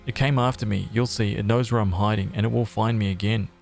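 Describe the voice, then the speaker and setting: A man's voice: fairly low pitch, steady tone, quick pace, vocal fry, a little mellow, faint music behind. A man reading the lines of Brett, a frightened young soldier, in a video game. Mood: fearful. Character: terrified young male soldier.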